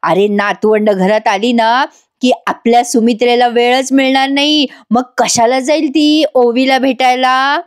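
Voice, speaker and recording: A woman retelling a TV serial episode to her audience, acting out each character's lines in quick voices. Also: a little high, steady tone. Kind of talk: animated storytelling recap of a TV serial.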